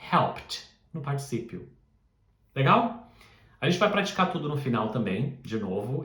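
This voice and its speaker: A man gives an English pronunciation lesson, his pitch leaping up and down as he stresses each ending. He talks slowly and carefully, repeating words over and over. The room around him rings with echo. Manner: lively, repeats and stresses sounds. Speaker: English teacher.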